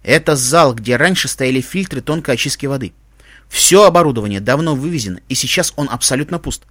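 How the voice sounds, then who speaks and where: A man's voice: mid-range voice, expressive, fairly quick, fairly bright tone, dry recording, clean studio sound, voice pushed down. A man voicing a bossy, know-it-all male computer companion who lectures and insists. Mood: explaining.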